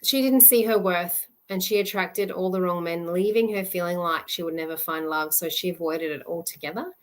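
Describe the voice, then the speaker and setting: A woman love coach giving a live presentation in an earnest, halting way, often restarting her sentences. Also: on the low side.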